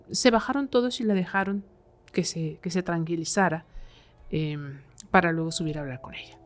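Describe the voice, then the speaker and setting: A woman, a podcast guest, telling a horror story in a conversational way, full of fillers. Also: fairly low pitch. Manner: conversational, many fillers like "eh" and "este".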